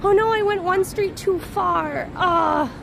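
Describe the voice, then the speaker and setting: Walking down a busy city street, a young woman livestreams on her phone, chatting and answering viewer comments. Her very high voice moves slowly, carries vocal fry and sounds slightly strained. Loud traffic noise from the street fills the recording.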